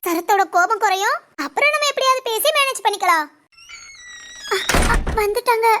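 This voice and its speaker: A woman's voice: extremely high pitch, animated, normal speed, noisy background. A woman voicing an anxious young wife and teacher who frets to herself and pleads with her policeman husband in an audio drama. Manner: fretful self-talk, coaxing and pleading.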